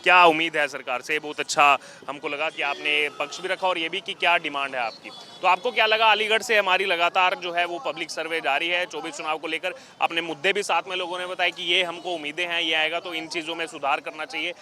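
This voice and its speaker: A man's voice: fairly high pitch, steady tone, brisk, hardly any pauses, bright, forceful tone. A man reporting from a city street, asking pressing questions in a public survey.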